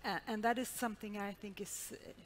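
A middle-aged woman speaks as a panelist on a large stage, reflective and often pausing with "uh". A headset mic picks her up, with faint noise in the space. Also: medium pitch, fairly even intonation. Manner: reflective, with frequent hesitations. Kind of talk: panel discussion.

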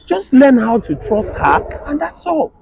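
A man's voice: very high voice, very animated, unhurried, darkish tone, slight background noise, full character voice. A man in his thirties with a Nigerian, West African accent playing a sensible bystander giving emphatic advice in a comedy skit. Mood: emphatic, reassuring. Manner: emphatic, advising, repetitive. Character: sensible bystander counselling a jealous husband. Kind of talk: naturalistic comedy skit acting. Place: outdoors on a street.

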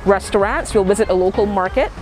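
A woman's voice: mid-range voice, quick pace, low-quality recording. Barbadian woman, tour guide, talking through a face mask, explanatory, street outdoors, music behind. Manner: informative, explaining history step by step.

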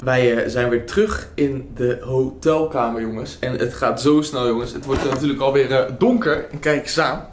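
A man's voice: mid-range voice, steady tone, normal speed, few pauses. A man in his twenties with a Netherlands Dutch accent, chatting casually to his vlog camera in an informal way, repeating short phrases. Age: 20s. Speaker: vlogger. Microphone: handheld camera at arm's length. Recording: clear background noise, traffic ambience.

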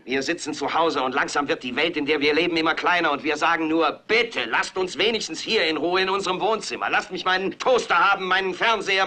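Fed-up TV anchorman in a dubbed film, husky bright high voice, grim then shouting orders. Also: full character voice. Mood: grim, brooding. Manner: builds from grim brooding to hoarse shouted commands. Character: weary middle-aged male TV anchor, furious and rousing. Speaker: news anchor on air.

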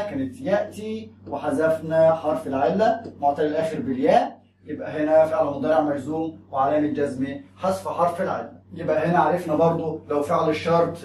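A man's voice: a little high, darkish tone, roomy sound, far from the mic, a little hiss or hum. A man with an Egyptian Arabic accent teaching a grammar lesson, explaining step by step and asking and answering his own questions.

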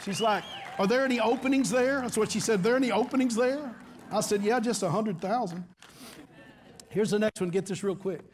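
On a large church stage before his congregation, a middle-aged Texas pastor delivers a sermon, repeating his phrases and calling for amens. His voice is high-pitched, brisk and a little mellow, with a little hiss or hum in the recording.

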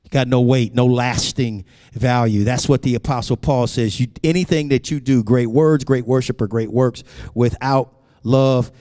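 A man's voice: medium pitch, fairly even intonation, moderate pace, dark tone, studio quality. A male pastor preaching a sermon with a preacher's rising cadence, often calling out "Amen" to the congregation. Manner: preacher cadence, rising to a sung, climbing delivery. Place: church sanctuary. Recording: long hall reverb.

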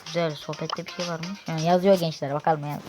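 A woman doing casual gameplay commentary from her room, excitable and cursing at teammates. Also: low-pitched, brisk. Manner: excitable, swears and shouts at teammates. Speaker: gaming YouTuber. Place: own room at home. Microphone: faulty desk microphone. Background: loud game music.

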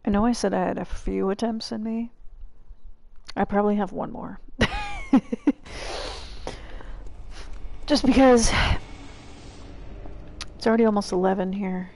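A woman's voice: medium pitch, steady tone, normal speed, vocal fry, pauses often, mellow, a little hiss or hum. A woman streaming a game live, swearing and exclaiming at it and chatting with her viewers. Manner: chats to viewers. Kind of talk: live gameplay commentary.

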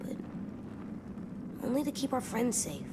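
A woman's voice: fairly high pitch, big pitch swings, unhurried, very noisy. A woman voicing an earnest, stubborn little boy survivor, pleading in a dramatic video game.

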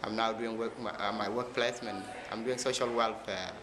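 Hesitant young man, low polite voice. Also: fairly even intonation, brisk, a crowd in the background. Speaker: student. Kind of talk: short on-camera introduction. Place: indoor room, plain wall. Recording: roomy with background noise.

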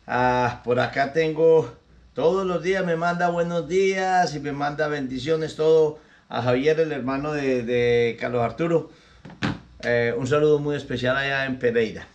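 A man's voice: fairly high pitch, moderate pace, muffled recording, a little hiss or hum. A man hosting a local show, sending greetings and telling corny jokes he laughs at himself. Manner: chuckles at his own bad jokes. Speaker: host.

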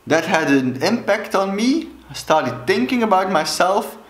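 A Belgian alcohol coach in his 30s speaks slowly and deliberately with a Dutch accent, his high-pitched voice very animated as he gestures with both hands. He talks earnestly to the camera, framed head and shoulders in a small indoor room against a plain wall. The camera mic picks up a lot of room echo.

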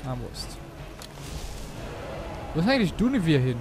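A man's voice: a little high, big pitch swings, normal speed, very noisy. Man doing casual jokey gameplay commentary. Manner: jokey, peppers German with English slang. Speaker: let's player.

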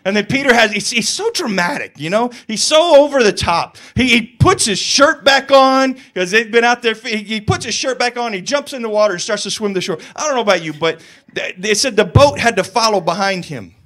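A male pastor delivers a sermon in a chatty, storytelling way, sprinkling in humor. His voice sits notably high for a man, and he keeps it lively and conversational throughout. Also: brisk, hardly any pauses.

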